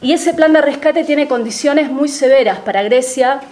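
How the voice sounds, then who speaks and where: Woman, panel speaker, slightly high voice; analytical and measured, lots of hesitation fillers. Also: a little mellow. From Argentina. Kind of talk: political talk to an audience.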